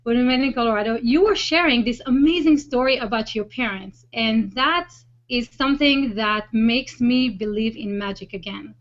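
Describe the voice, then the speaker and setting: A high-voiced woman hosting a web show delivers an enthusiastic introduction and interview at a moderate pace with few pauses. It's recorded over an online video hangout call, leaving the sound dull and lo-fi.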